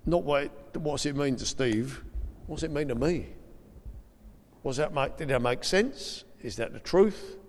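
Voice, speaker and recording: A man's voice: mid-range voice, unhurried. South East London man preaching in a hall. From England. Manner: chatty, emphatic preaching with repeated phrases. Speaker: pastor. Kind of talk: sermon. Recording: long reverb of a hall.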